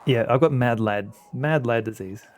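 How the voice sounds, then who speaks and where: A man streams a game while chatting casually with his viewers, rambling with lots of restarts and fillers. His voice is mid-range and his pace moderate.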